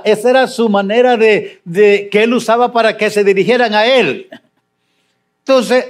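An older man preaching a sermon as pastor, reading scripture and then commenting on it with dramatic swings between loud emphasis and quiet asides. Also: very high voice.

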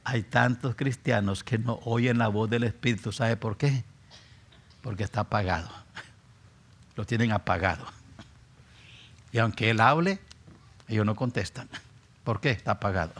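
Emphatic preacher, loud then hushed. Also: male voice, on the low side, moderate pace, long pauses. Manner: emphatic, swinging from loud exhortation to hushed, near-whispered appeals. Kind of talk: sermon and closing prayer.

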